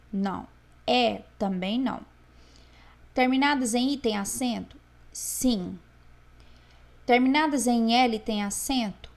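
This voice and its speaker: A woman's voice: fairly high pitch, vocal fry. A woman teacher going through homework corrections, patiently sounding words out syllable by syllable. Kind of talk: correcting homework exercises aloud.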